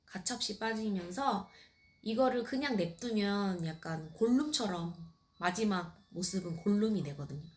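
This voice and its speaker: A woman's voice: mid-range voice, moderate pace, a little mellow, a little hiss or hum. A middle-aged woman telling her own story in a candid, lightly humorous way, speaking casually to the camera. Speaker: cancer patient vlogger.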